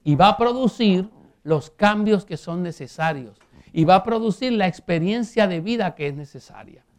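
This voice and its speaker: Man, preacher, high voice, emphatic, rhetorical questions, scripture reading. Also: lively intonation, darkish tone. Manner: emphatic, rhetorical questions, slows on key phrases; reads scripture aloud and comments. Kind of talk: sermon.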